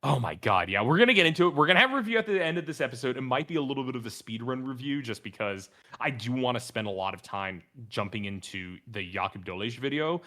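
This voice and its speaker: A man's voice: mid-range voice, lively intonation, quick pace, few pauses, bright, forceful tone. A man hosting a casual review discussion, talking in an earnest, enthusiastic, wordy and analytical way. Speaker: podcast host.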